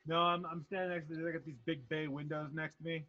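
A man's voice: a little high, flat delivery, quick pace, muffled recording. Easygoing male co-host on webcam. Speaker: podcast co-host. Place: room with big bay windows.

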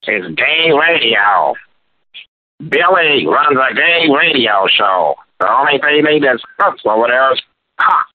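A man's voice altered by a voice changer, drawling slowly in a jeering, taunting rant. It comes through a thin, tinny telephone line with a dry, close sound and no room around it. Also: mid-range voice, lively intonation, dry recording. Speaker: anonymous caller.

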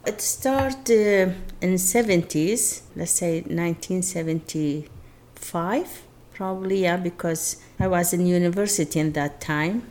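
A woman in her sixties, raised in Iraq, tells her story in plain, halting English. Her voice sits a little low, and her phrasing is simple and direct. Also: a little mellow, a little hiss or hum. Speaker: interview guest. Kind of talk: personal life story interview.

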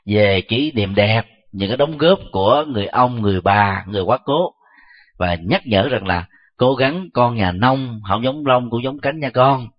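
A man, a Buddhist monk, giving a measured dharma talk and answering questions, pausing often with soft fillers. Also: medium pitch. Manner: slow, measured, frequent filler "à". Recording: dull lo-fi recording.

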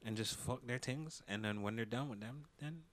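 A man's voice: mid-range voice, normal speed, fairly bright tone. A man in casual group banter, talking in profane street slang.

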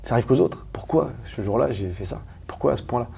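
A man from Paris, a guest talking candidly in an interview, rapid and emphatic with many restarts and questions to the listener. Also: mid-range voice, expressive, vocal fry, dark tone, slight background noise. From Paris, France.

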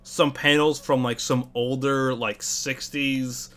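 A man co-hosting a casual podcast, speaking hesitantly and often pausing to find his words. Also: medium pitch, little pitch movement, a bit bright. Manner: hesitant, lots of fillers and restarts. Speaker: podcast co-host.

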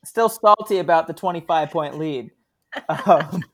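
A man's voice: a little high, measured pace, a crowd in the background. A man, a sketch comedian, chatting casually as an interview guest, laughing often as he tells stories. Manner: laughs often, relaxed storytelling with fillers.

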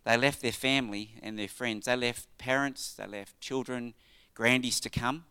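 An Australian man giving an informal church tribute in a halting, conversational way, often checking in with his listeners. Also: mid-range voice, steady tone, pushed and bright, clear, resonant tone.

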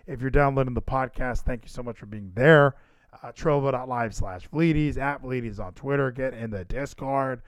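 On his podcast livestream, this man talks casually about wrestling, rambling, stressing his points and repeating lines for emphasis. His voice is medium in pitch, and the audio is studio quality with no room sound.

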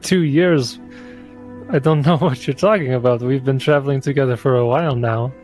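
A man voicing a confused young woman just woken up, who stammers out halting questions. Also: medium pitch, darkish tone, soft background music, close to an everyday voice. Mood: puzzled.

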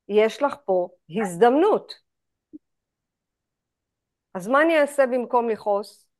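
A woman guiding a women's group session, animated and acting out inner dialogue in hushed asides. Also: on the high side. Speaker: spiritual group facilitator.

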